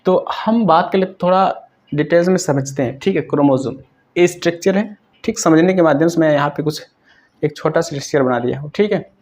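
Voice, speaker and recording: A man's voice: on the high side, brisk, darkish tone. A man teaching a science lesson who asks questions, answers them himself and keeps checking "right?".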